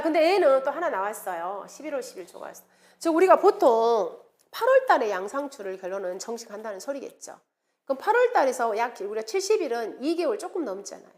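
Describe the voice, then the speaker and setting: 암기법을 리듬감 있게 외우고 수시로 질문을 던지며 강의하는 중년 여성 강사. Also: female voice, on the high side. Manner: lively, sing-song mnemonic chanting, rhetorical questions. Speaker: exam prep lecturer. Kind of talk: classroom lecture with mnemonics.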